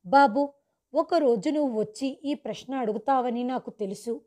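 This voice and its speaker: Woman voicing storybook older mother, tearful, grave, gentle, high, mellow voice. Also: moderate pace, lightly acted. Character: grieving older mother revealing a secret.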